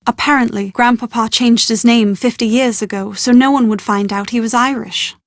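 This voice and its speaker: An actress voices a young, posh British woman in an adventure game, speaking high and at a moderate pace in her natural voice. The character is chatty, easily exasperated, and a bit anxious, delivering wordy, expressive scripted lines in a confiding, earnest mood. The recording is close and dry with no room sound.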